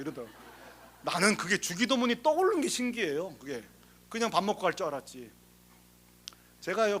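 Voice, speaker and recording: A male senior pastor with a notably high-pitched voice delivers a sermon. He tells humorous stories in a lively way, slipping into the voices of the people in them, and keeps turning to the congregation with questions. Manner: lively, humorous storytelling that acts out the people in the story; talks straight to the congregation with rhetorical questions.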